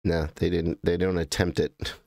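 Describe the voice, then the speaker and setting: A man's voice: low-pitched, little pitch movement, normal speed, darkish tone, dry recording, clean studio sound. An American man hosting a livestream, rambling and correcting himself as he thinks aloud while clicking through images. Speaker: livestream host. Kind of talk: casual livestream commentary.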